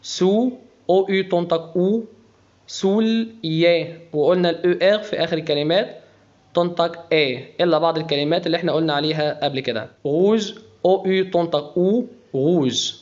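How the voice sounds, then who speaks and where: A man's voice: a little high, darkish tone, dull audio. A man with an Egyptian Arabic accent teaching a beginner French lesson, breaking words down sound by sound. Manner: slow, spells out pronunciation letter by letter.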